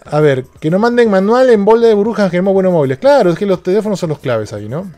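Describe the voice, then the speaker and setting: A man's voice: high voice, lively intonation, fast talker, mellow, soft background music. A man, a tech streamer chatting casually on a live stream and joking as he reads out viewer questions.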